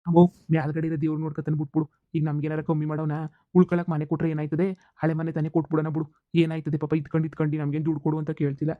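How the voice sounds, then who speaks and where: Man voicing a pleading soft-hearted son. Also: fairly high pitch, completely flat delivery, very fast, no room sound, phone-quality sound, natural voice. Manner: pleading, placating. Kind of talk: cartoon comedy dubbing.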